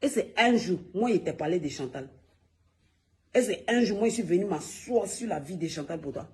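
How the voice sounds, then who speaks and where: A man's voice: high-pitched, lively intonation, moderate pace, darkish tone. A man ranting into his phone on a gossip livestream, repeating himself emphatically and talking straight to his viewers. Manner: emphatic, repetitive, addressing viewers directly. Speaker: gossip live-streamer. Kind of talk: heated phone livestream rant.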